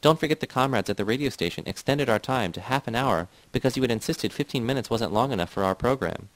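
A man's voice: medium pitch, animated, quick pace, no echo, natural voice. A man reading a nervous, sheepish young man. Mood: anxious. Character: anxious, timid young man.

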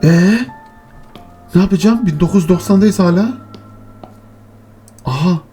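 Jumpy, high-pitched male horror gamer. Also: moderate pace, dark tone, faint music behind. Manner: jumpy, swears and shrieks when startled; mutters nervously to himself and his viewers. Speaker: gaming channel host. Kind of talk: horror game let's play commentary.

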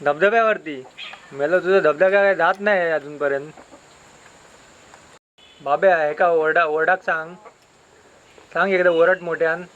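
Chatty Konkani Marathi village vlogger. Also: male voice, a little high, steady tone, unhurried, long pauses, fairly bright tone, dull audio, slight background noise. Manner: chatty, teasing, shows things to viewers. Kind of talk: casual village vlog narration. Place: outdoors in a village and forest. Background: insects and birds.

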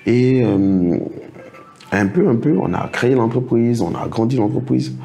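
A man's voice: medium pitch, moderate pace, gravelly, mellow, a little hiss or hum. A middle-aged man, telling stories as a guest in a casual interview and acting out what others said to him. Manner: recounts anecdotes, acts out others' words. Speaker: interview guest, project financing consultant.

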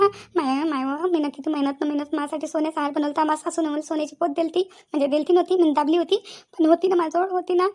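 Woman as a fussy, whiny cartoon village aunt, high and rapid. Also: vocal fry. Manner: fast, wailing, whiny complaining. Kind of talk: cartoon comedy voice acting.

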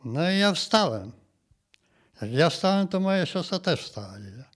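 A man in his eighties from Volhynia, giving his testimony in an interview in a plain, halting way and often ending phrases with a quick tag question. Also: a little high, sing-song. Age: 80s. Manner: plain halting telling, tags phrases with "nie?". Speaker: interviewee, massacre survivor. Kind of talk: recounted personal testimony.

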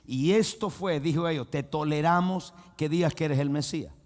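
Emphatic preacher man, somewhat high voice. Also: normal speed, a little mellow. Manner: urges the congregation to repeat phrases and say amen; emphatic, with frequent restarts and repetition. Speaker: pastor. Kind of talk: sermon.

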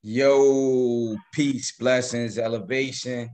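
An American man introducing himself in a measured, declamatory way, word by word, on a video call. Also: medium pitch, steady tone, a little mellow. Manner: measured, listing words one by one.

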